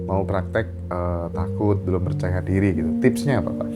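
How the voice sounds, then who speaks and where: A man's voice: sits low, steady tone, normal speed, loud music behind the voice. A man hosting a live talk show, eagerly asking questions and relaying viewers' questions to his guest. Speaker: host.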